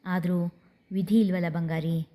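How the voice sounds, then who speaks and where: Woman voicing a motherly middle-aged aunt, coaxing, warm, mellow tone, storybook reading. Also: lowish voice, fairly even intonation, measured pace, close to an everyday voice.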